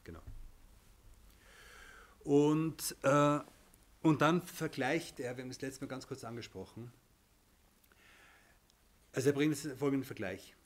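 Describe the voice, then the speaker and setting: A man's voice: mid-range voice, unhurried, pauses often. A man teaching a religious lesson, explaining with everyday examples, often restarting and checking in with "okay?".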